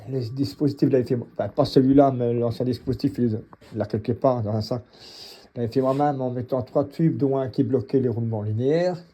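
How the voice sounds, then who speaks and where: A middle-aged man from the Mons region, speaking with a Belgian French accent, gives a casual, unscripted tour in a halting, blunt, colloquial manner. A home gym owner and vlogger, he has a husky, mid-range voice with a dark tone.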